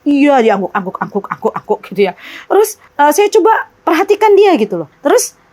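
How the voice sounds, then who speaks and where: Animated woman teaching, higher voice. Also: a little fast. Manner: animated storytelling, rhetorical questions to the audience; often exclaims religious phrases. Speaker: Islamic teacher. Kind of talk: religious parenting talk.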